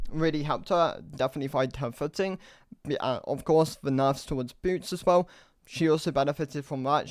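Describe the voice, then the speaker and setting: A man talks through game rankings in a loose, unhurried way, full of fillers and self-corrections. His voice is smooth and resonant, a bit worn, and sits mid-range. The recording is close and dry, with no room sound. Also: fairly high pitch, dry recording. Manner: relaxed, filler-heavy explaining with many restarts. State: losing his voice. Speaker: gaming content creator. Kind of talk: casual game commentary.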